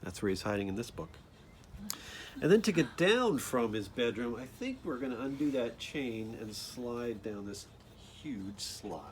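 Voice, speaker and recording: In an unhurried, mid-range voice, a man reads his own children's picture book aloud outside, with a bit of background noise around him. His intonation swoops and bounces, and he keeps breaking off for casual remarks aimed directly at the kids listening.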